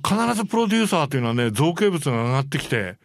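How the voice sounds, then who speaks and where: A male host chats his way through film history stories, animated and full of fillers, briefly acting out quoted people. His slightly high voice moves very fast with vocal fry, and the studio sound is clean with no echo.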